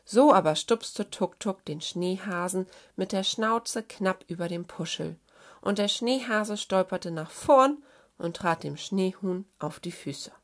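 A woman reading a children's story aloud in a gentle, expressive way. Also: mid-range voice, slow pace.

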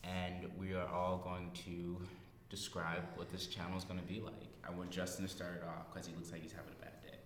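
Here the same nineteen-year-old host talks in a low, totally flat voice, fairly fast and barely pausing, trading laid-back, self-deprecating jokes. A podcast microphone captures the echoey study room, its reverb and the background noise.

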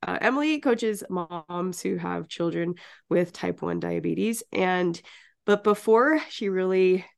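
A woman hosting a faith podcast with a slightly low, gravelly voice, roughened by a cold. She talks in a chatty, upbeat way and laughs easily. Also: slow pace. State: has a cold. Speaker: podcast host. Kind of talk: casual podcast chat.

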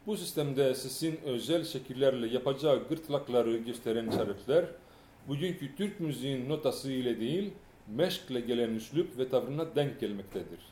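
Measured, halting male lecturer in a hall. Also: mid-range voice, mellow. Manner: measured, halting with fillers and self-corrections. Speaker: lecturer on music history. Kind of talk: academic lecture, partly read aloud.

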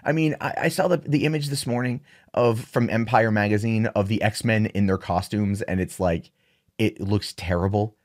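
A man giving opinionated solo commentary on movie news, sarcastic and exasperated, with animated rants. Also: lowish voice, normal speed.

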